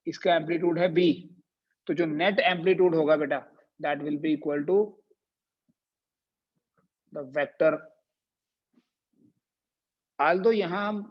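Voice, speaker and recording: A man with an Indian accent teaching physics in a classroom, mixing Hindi and English and putting questions to his students before answering them. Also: fairly high pitch. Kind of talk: classroom lecture. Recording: dull lo-fi classroom audio.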